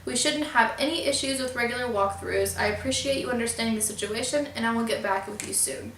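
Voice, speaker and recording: A woman's voice: a little high, fast, a bit bright, a little hiss or hum. A young woman vlogger telling a storytime about her landlord and reading out emails in an earnest, upset but polite way. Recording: echoey room.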